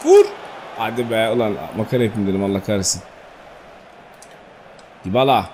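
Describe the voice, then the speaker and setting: A man giving excitable live commentary on his football video game, shouting at players and swearing when plays go wrong. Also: fairly low pitch, normal speed, background noise. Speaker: gaming YouTuber.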